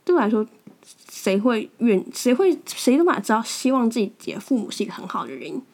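Sing-song, a little fast, and on the high side with a darkish tone, this young Taiwanese Mandarin-accented podcast host tells stories casually. She's frank and blunt, frequently restarting and repeating words.

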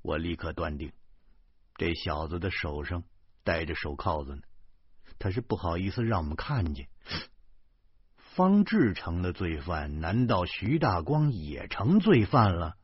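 Man, audiobook narrator, husky, very animated pitch, dry, dull lo-fi sound. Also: measured pace, no room sound. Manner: lively, exclamatory, colloquial. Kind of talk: storytelling narration. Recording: dull lo-fi recording.

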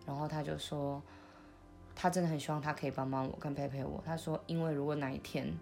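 A young woman, recalling her past in a soft, halting way, with many restarts, as she hosts a podcast. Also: deep voice, steady tone, gravelly, faint music behind. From Taiwan. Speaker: podcast host. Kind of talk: intimate conversational storytelling.

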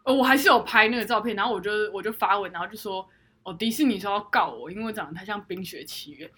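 A woman's voice: medium pitch, fast talker, a bit bright, slightly rough. A woman co-hosting a podcast, telling a story with lots of laughter and English words mixed in. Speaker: podcast co-host. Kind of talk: casual chat.

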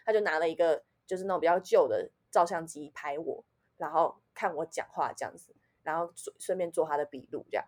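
Fast-talking Taiwanese woman telling a story. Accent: Taiwanese Mandarin. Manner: animated, swings between loud outbursts and low muttering. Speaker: podcast co-host. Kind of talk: casual chat, personal storytelling.

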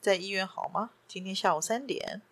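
A woman voicing a calm, courteous male banker who speaks softly and lower than her usual voice. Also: moderate pace, natural voice. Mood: polite calm. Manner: soft, courteous, unruffled. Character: calm, polite middle-aged male banker.

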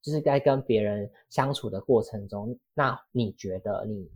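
A man's voice: fairly low pitch, moderate pace, a little mellow, slightly rough. A man hosting a casual podcast interview, rambling and rephrasing his questions as he goes. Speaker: podcast host.

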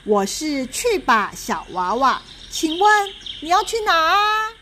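A woman's voice: sits high, very animated, slow pace, bright, forceful tone, a little hiss or hum, voice pushed up, full character voice. A woman reading a children's storybook aloud, voicing a cheeky paper charm doll spirit with a pushy, teasing manner. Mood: cheerful.

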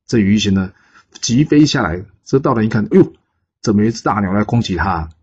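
A man's voice: fairly low pitch, animated, fast talker, a little mellow, husky, muffled recording. A man casually telling a folk legend, chatty, with asides and questions to the listener. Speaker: storyteller.

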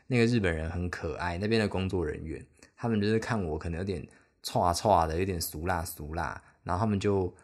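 Speaking fairly quickly in a deep, darkish voice, a young Taiwanese Mandarin-accented man tells a travel story on his solo podcast. He's chatty and rambling, often poking fun at himself.

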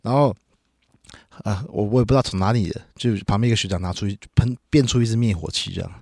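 A young man with a Taiwanese Mandarin accent tells a story at a rapid clip in a fairly low voice. He is animated and laughs often, acting out the people in his tale. His voice is close and dry on a studio mic. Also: no echo. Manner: animated, laughing storyteller who acts out quotes. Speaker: podcast host. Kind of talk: casual storytelling chat. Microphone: studio microphone.

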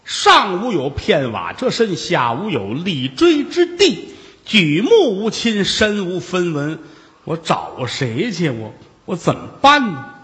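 A man's voice: sits high, huge pitch swings, takes it slowly, pushed and bright, exaggerated voice. A man voicing a penniless, kind young man who talks despairingly to himself, recorded with reverb.

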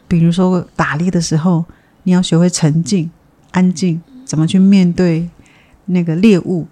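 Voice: mid-range voice, mellow. An adult who runs community childcare, speaking thoughtfully in an interview and often restarting phrases. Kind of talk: reflective interview talk.

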